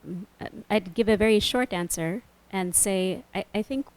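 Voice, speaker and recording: Reflective woman answering a panel question. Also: mid-range voice. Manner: reflective, measured. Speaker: author on a panel. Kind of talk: panel answer at a book reading.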